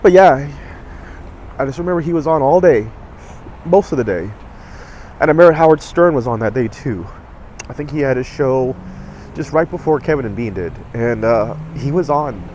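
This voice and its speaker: A middle-aged man telling a personal story in a loose, rambling way, full of "you know" and restarts. His voice sits at an ordinary pitch and carries emotion. A faint noise hums underneath. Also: lively intonation, moderate pace, long pauses, darkish tone, highs cut off. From Southern California. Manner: rambling, many fillers and self-corrections. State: emotional, choking up. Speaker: vlogger.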